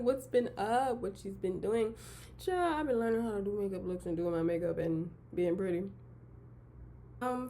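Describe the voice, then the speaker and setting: A young woman from Detroit, a model turned beauty vlogger, introducing herself in a bubbly, excitable way with giggly bursts. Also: a little high, a little hiss or hum. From Detroit, Michigan. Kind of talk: casual intro vlog.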